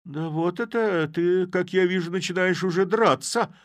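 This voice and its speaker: Man putting on an old trickster's shrill fake voice. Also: normal speed, dry recording, lightly acted. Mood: indignant. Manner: shrill, falsely friendly. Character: crafty old Cossack man faking a high caroler's voice.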